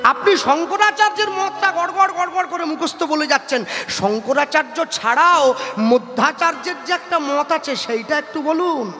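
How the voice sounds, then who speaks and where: A calm, slyly polite young scholar who reasons evenly, as a male kirtan singer puts him on, his voice still pitched very high. Behind him the hall rings and instruments play. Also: normal speed. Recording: live stage hall with music.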